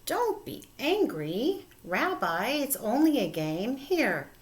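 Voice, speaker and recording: A woman voicing a kindly, fussing elderly woman with a bright, chirpy manner. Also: on the high side, big pitch swings, slow, pitched above the performer's own voice. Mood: gently scolding.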